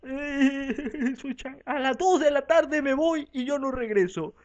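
Rowdy Mexican comic dubber, high voice. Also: unhurried, dull audio. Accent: Mexican Spanish. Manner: rowdy, profane slang, switches between voices. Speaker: fan dubber voicing every part. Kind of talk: comic parody dub of a talk show.

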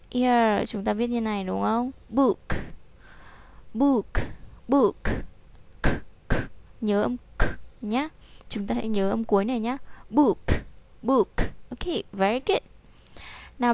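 A woman from Vietnam with a Vietnamese accent, teaching English to young children and repeating model phrases slowly and clearly. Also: a little high, darkish tone, slight background noise.

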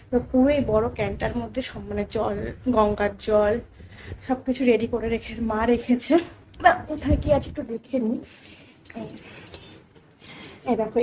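A young woman from West Bengal with a Bengali accent, chatting casually in a home vlog and keeping her voice low so a sleeping child stays asleep. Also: warm tone, a little hiss or hum. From West Bengal, India. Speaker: vlogger.

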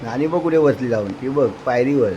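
In a warm, mid-range voice captured on a muffled recording, a Mumbai man with a Marathi accent speaks a little fast. He narrates a handheld weekend vlog among family in busy villa rooms, frequently chatting, teasing and laughing amid the crowd noise.

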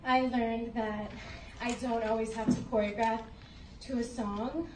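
A young woman choreographer, out of breath and halting, answering feedback after her performance. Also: fairly high pitch, steady tone. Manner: breathless, halting, with nervous laughs. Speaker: student choreographer. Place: dance studio or theater. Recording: roomy echo, distant mic, background noise.

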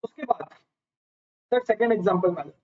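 A man's voice: high-pitched, lively intonation, moderate pace, a little mellow. A man teaching a live online lecture, asking his students question after question and calling them sir. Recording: slightly dull lo-fi audio.

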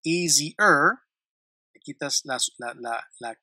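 Bright-voiced man teaching grammar. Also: fairly high pitch, dry recording, studio quality. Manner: repeats word lists slowly and clearly, with light laughs. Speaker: English teacher. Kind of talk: grammar lesson explaining English to Spanish speakers.

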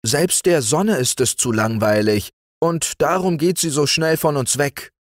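A man's voice: fairly high pitch, unhurried, no room sound, studio quality, voice pushed up, close to an everyday voice. A man reading aloud voices a restless young village lad, eager and pleading. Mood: yearning.

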